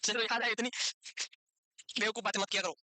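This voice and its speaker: A man's voice: sits high, fairly even intonation, a little fast, bright, forceful tone, no room sound. A male nursing teacher lecturing his class, breaking off into chatty, teasing stories and jokes with his students. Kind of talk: classroom lecture with joking asides.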